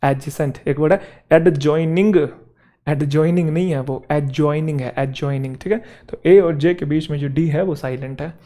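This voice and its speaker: A man teaches a grammar class. His voice sits a little high but sounds warm and mellow. He keeps stopping to ask the students quick questions.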